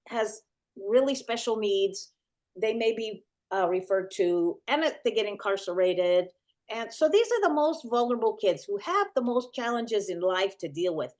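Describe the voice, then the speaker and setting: Earnest woman explaining with many restarts. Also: on the high side. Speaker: podcast co-host and elected county board member. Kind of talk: casual explanatory talk.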